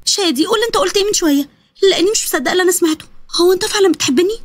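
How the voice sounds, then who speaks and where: Lively young Egyptian woman, teasing and caring, high bright voice, read by a woman narrator, rapid, dry close mic. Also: no echo. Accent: Egyptian Arabic. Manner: teasing, excited.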